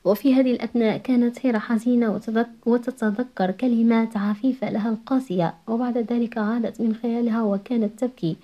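A woman's voice: fairly high pitch, steady tone, mellow. A woman retelling a TV drama episode, reading out all the dialogue herself. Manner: rapid storytelling that reads out all the dialogue. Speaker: recap narrator. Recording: dull lo-fi recording.

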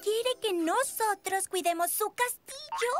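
Very high, sweet cartoon girl. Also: lively intonation, unhurried, faint music behind. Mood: upbeat, reassuring. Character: sweet, upbeat, caring young cartoon girl. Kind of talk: animated children's show dubbing.

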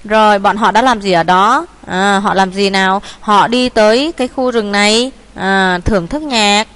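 A woman English teacher with a Vietnamese accent, talking through the answers of a test paper, with many fillers, and reading the English words out slowly as she thinks aloud. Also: mid-range voice, fairly bright tone.

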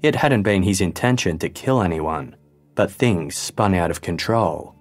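Deep sober true-crime narrator man. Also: faint music behind. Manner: measured, even, sober. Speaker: podcast host and narrator.

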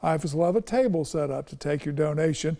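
A man's voice: fairly high pitch, lively intonation, quick pace, gravelly, dark tone. A middle-aged man presenting the news as an anchor in a TV studio.

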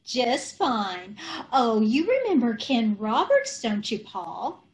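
Over a video call, a woman plays a scatterbrained, agreeable wife in an old-time radio comedy, one who mangles sayings. Her slightly high voice is very animated yet slow, and she comes across chirpy, ditzy and earnest.

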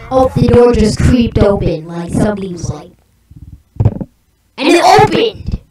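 A woman in a casual reaction video, chatty and quick to exclaim, her voice run through a robot voice changer. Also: fairly high pitch, big pitch swings. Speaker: video creator reacting to an animation. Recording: echoey room, distant mic, music behind.

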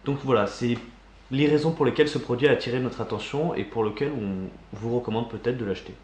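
A man co-hosting a casual magic news show, presenting items in a steady, informative way. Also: mid-range voice, fast talker, echoey room. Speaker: co-host.

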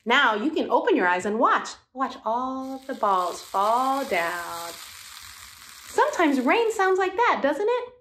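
High-voiced woman teaching kids music. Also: a bit bright, a little hiss or hum. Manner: cheerful, sing-song, coaxing young children to join in. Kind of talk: children's music class.

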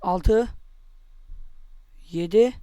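A young man with a very high voice rages and swears through his gameplay commentary. His recording is close and dry, with no room sound around it. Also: extremely slow, mellow, clean tone, dry recording. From Turkey. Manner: angry, cursing, taunting. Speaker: gamer.

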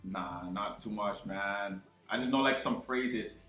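A man in his twenties with a bright, crisp voice, speaking over a gaming headset in a roomy space with echo. He talks in an easygoing, modest way and sometimes trails off mid-sentence. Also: lowish voice, slow, faint music behind. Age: 20s. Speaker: guest. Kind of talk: casual gaming chat. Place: bedroom streaming setup, indoors.

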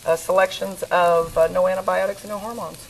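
A woman's voice: fairly low pitch, steady tone, brisk, vocal fry, slight background noise, rough recording. Upbeat woman cooking in a kitchen. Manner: upbeat, eager, laughs easily. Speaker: restaurant cook. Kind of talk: cooking demo chat. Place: restaurant kitchen. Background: food sizzling on the stove.

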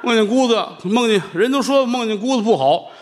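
A man's voice: brisk, slight background noise. A man doing a whiny weeping peddler. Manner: whining and sobbing in a high voice. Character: whiny weeping male vegetable peddler, foolish.

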